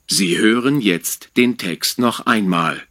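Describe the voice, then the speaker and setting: A man reading exam instructions in a slow, measured and formal way. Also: lowish voice, expressive, fairly bright tone, dry recording, studio quality. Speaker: exam announcer.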